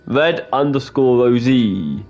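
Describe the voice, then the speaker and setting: Slow-talking gaming host. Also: male voice, mid-range voice, a little mellow, muffled recording, soft background music. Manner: lecturing, repetitive, emphatic. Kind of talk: casual let's-play commentary.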